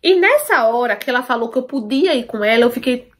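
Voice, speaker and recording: A woman's voice: fairly high pitch, lively intonation, fast talker. A woman tells a personal story to her viewers, emphatic and repeating herself, often checking that they follow. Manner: emphatic, repeats herself, asks listeners for agreement.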